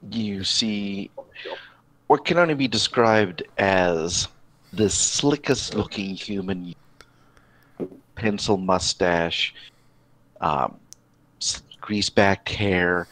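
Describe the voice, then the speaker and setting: Slow, deep-voiced male game master. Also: fairly bright tone, dry recording, low-quality recording. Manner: slow, hesitant, many fillers and restarts. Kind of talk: narrating a tabletop game over voice chat.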